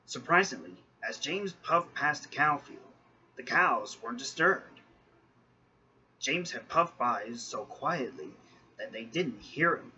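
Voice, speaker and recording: A man narrating a children's train story in an expressive storytelling manner. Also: mid-range voice, slow, dull audio, a little hiss or hum.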